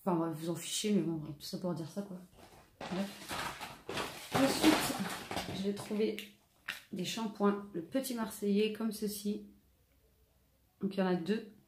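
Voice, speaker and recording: A woman's voice: mid-range voice, unhurried, long pauses. A woman talks through her shopping haul in easy, rambling chat, often stopping on filler sounds as she shows each item. Her voice sits in the middle for a woman. The recording is echoey, with faint noise behind her. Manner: rambling, lots of "euh" and "donc" fillers. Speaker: haul vlogger. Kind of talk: casual product haul chat. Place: room at home.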